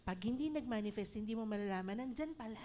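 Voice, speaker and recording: A woman pastor with a Filipino accent, preaching an animated, laughing sermon that mixes English into her talk. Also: a little high, fast, very noisy.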